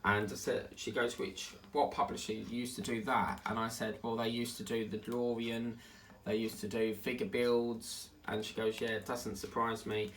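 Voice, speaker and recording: On a rough recording with some hiss or hum, a crafting channel host talks casually about his day as he works at his table. His voice is fairly low and fairly bright, with a flat delivery at a moderate pace. He has a South African-tinged Essex accent, drifts from topic to topic, and hums and sings to himself.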